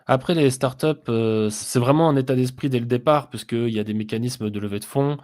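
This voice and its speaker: A man co-hosting a business podcast, explaining things steadily and pausing often with filler sounds. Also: mid-range voice, darkish tone. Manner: hesitant, many "heu" fillers, explanatory. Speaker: podcast co-host, business software consultant. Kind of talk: casual business podcast discussion.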